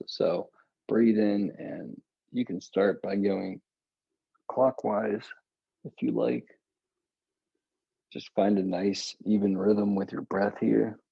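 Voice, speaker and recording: Calm male breathwork guide, unhurried and low, husky grain, dull lo-fi home recording. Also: no echo. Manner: slow, calm, relaxed with casual asides. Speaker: meditation and yoga guide. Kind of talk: guided breathing and stretching instruction. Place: home, seated on a meditation cushion.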